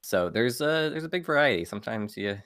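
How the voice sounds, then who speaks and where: A man's voice: mid-range voice, expressive, fairly quick, fairly bright tone, dry recording. A young man, a college esports player, chatting casually as a podcast guest in a laid-back, dry way. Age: young adult.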